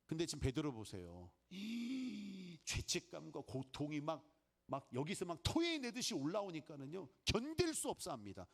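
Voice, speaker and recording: A middle-aged male pastor giving a lively sermon, acting out inner voices and Bible characters and leading the congregation in call-and-response. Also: on the high side, moderate pace, slightly rough.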